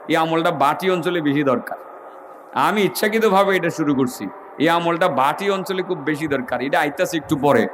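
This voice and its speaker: A man's voice: a little high, fairly bright tone, slight background noise. A male preacher, telling a story in a sermon, acting out the voices and asking the crowd questions. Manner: dramatic, acts out voices in the story, addresses the crowd directly.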